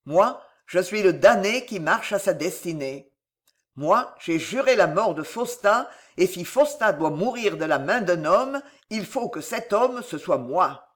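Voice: mid-range voice, expressive, measured pace, a bit bright. An audiobook reader voicing a tormented cardinal who issues grave, impassioned warnings. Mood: grim. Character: grave older man, a doomed tormented cardinal. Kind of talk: audiobook character voice.

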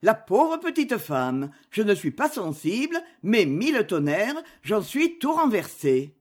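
A woman reading aloud, voicing a gruff, blustering old gentleman with a husky, lowered voice. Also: big pitch swings, slow pace.

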